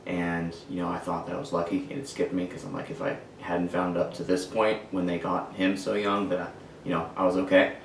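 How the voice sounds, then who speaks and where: Podcast guest, man in his twenties, deep rough voice, slow halting storytelling, room echo. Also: monotone, a little hiss or hum. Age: 20s. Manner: halting, searching for words. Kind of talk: personal storytelling. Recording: echoey room, far from mic.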